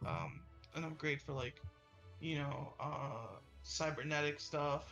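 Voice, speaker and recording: Man, slightly high voice, rambling casual talk full of filler. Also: takes it slowly, a bit bright, lo-fi sound, soft background music. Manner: rambling, heavy use of "like". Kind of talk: casual chat.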